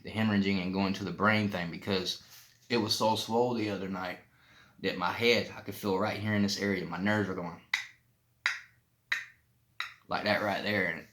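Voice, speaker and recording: A man's voice: deep voice, pushed and bright. A man giving a casual, plain-spoken explanatory vlog, talking with some difficulty through a painfully swollen mouth. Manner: plain-spoken, informal, loosely rambling. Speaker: vlogger sharing personal experience.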